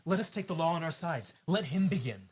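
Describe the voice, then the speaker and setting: Casting: reader doing a bragging young servant, slightly husky, hesitant amateur delivery. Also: medium pitch, animated, a little fast, darkish tone. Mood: boastful. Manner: hesitant, with filler sounds. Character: boastful young male servant. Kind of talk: amateur script reading.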